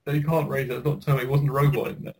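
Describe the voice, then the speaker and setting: A man's voice: mid-range voice, level tone, very fast, darkish tone. A man co-hosting a podcast in casual banter, laughing often and repeating himself as he argues. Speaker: podcast co-host.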